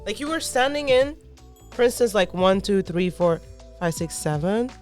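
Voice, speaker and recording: A woman co-hosting a reaction channel, chatting in a relaxed, low-key way and trailing off as she thinks. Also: normal speed, faint music behind. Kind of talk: casual chat.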